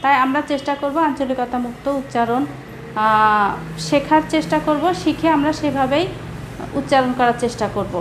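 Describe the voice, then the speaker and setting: A woman teacher giving a recorded class lecture, explaining slowly with pauses and repeating example words. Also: high-pitched, steady tone. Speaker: Bangla teacher. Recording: echoey room with background noise.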